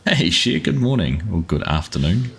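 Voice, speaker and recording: A gaming livestreamer from New Zealand speaks with a New Zealand accent in a gravelly, sing-song voice on the low side, at a normal speed, with slight background noise. He rambles casually during a farming game and greets his viewers by name.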